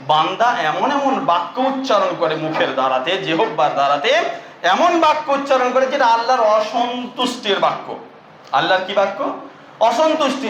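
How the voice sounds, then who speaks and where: A man preaching a sermon with a West Bengal Bengali accent, emphatic, slowing down to recite Arabic verses. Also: very high voice, a bit bright. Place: mosque or religious gathering hall. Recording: echoey hall, faint noise.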